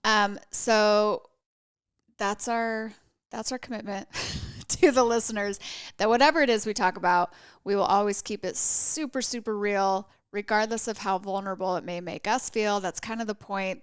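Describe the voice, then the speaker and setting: A woman's voice: medium pitch, steady tone, normal speed, clean tone, dry recording, clean studio sound. A woman co-hosting a podcast in casual chat, candid and playfully teasing. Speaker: podcast co-host.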